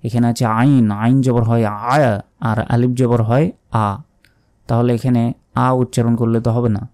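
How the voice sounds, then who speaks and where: A man teaching prayer recitation, drawing out each word slowly between quick explanations. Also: medium pitch, level tone, mellow. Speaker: religious teacher. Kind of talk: recitation lesson.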